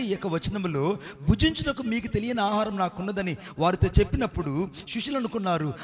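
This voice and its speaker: A middle-aged male pastor giving a sermon, often firing questions at his listeners and acting out quoted dialogue. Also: high voice. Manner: rhetorical questions to the congregation.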